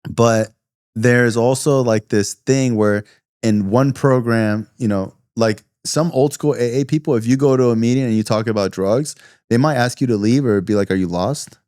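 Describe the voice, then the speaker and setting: A man at an average pitch, talking in a relaxed, rambling way full of "like" and "you know." He sounds close and dry, with no room around him. He comes across as a podcast guest chatting openly. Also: moderate pace, smooth, no room sound. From South Florida. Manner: loose and conversational, many fillers and asides. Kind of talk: casual interview talk.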